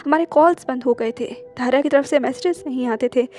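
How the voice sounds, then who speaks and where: A woman storyteller narrating an emotional audiobook romance, speaking in the first person and acting out a tense phone call, with hesitant, stammering pauses. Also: high voice, a little mellow, soft background music. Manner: emotional, voices both friends with hesitant stammers.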